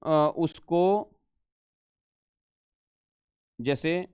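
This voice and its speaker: A man's voice: on the high side, drawn-out words, a little mellow, clean tone, no room sound, studio quality. A male teacher giving a live exam-prep lesson, reading Sanskrit questions aloud, then explaining them in Hindi and coaxing students to answer. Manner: calls students "beta".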